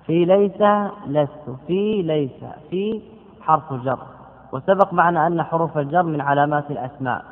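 A man teaching a classical grammar lesson in a slightly high voice, repeating key terms as he asks and answers his own questions. The recording is thin and lo-fi, with a long reverb trailing each phrase as if from a big hall. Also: normal speed.

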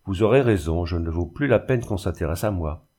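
Guy reading a whiny bedridden glassmaker, groaning, kinda low voice. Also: expressive, brisk, warm tone, husky. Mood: self-pitying. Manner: plaintive, moaning. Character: suffering, self-pitying ruined male glassmaker. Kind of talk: audiobook character reading.

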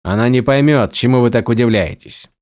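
Мужчина-чтец озвучивает взрослого наёмника, говорящего спокойно, сухо и с иронией. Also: male voice, mid-range voice, a little fast, no room sound, natural voice. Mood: wry. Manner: calm, dry and ironic. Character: adult male mercenary, calm and wry.

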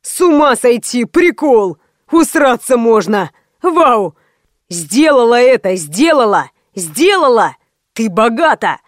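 A woman's voice: fairly high pitch, very animated, slow, no echo, clean studio sound. A woman voicing a smug, lazy man of about forty who runs a gang, drawling and then shrieking. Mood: gleeful shouting.

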